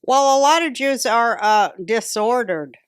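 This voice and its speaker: A woman's voice: fairly high pitch, animated, unhurried, clean tone, no room sound, studio quality. An older woman hosting a podcast, talking casually in a blunt, profane and opinionated way. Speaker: podcast host.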